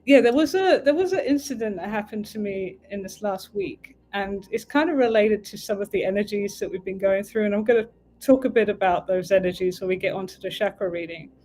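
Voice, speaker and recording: A British woman with an English accent hosts a casual livestream as a tarot reader, her mid-range voice brisk and dark in tone. She chats in a meandering way and keeps breaking off to fix her stream.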